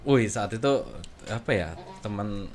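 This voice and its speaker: A man's voice: fairly low pitch, a little slow, slight background noise. A man with an Indonesian accent, a guest telling stories casually and jokily in slang with English phrases mixed in. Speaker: guest, former BMX rider. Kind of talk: casual podcast chat, storytelling.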